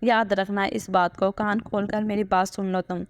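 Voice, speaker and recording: A woman's voice: mid-range voice, level tone, normal speed, no echo, natural voice. A woman voicing an angry middle-aged mother who scolds her son, in a read-aloud story.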